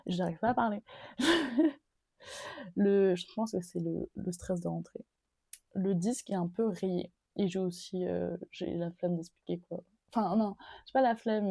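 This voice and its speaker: Young woman from Paris, solo podcast host, rambling and halting. Gravelly, dry recording. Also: lowish voice, warm tone, no room sound. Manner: rambling, hesitant, many fillers and restarts. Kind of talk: casual solo podcast chat.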